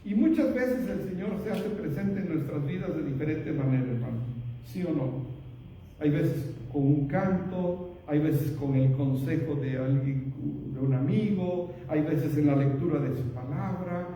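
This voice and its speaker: A man with a high, mellow voice preaches to his congregation, calling them brothers again and again and putting rhetorical questions to them. He sounds distant from the microphone, and his words ring on through a long, echoing church hall. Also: unhurried, slight background noise. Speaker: pastor. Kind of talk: sermon. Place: church sanctuary. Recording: echoey church hall picked up from far off.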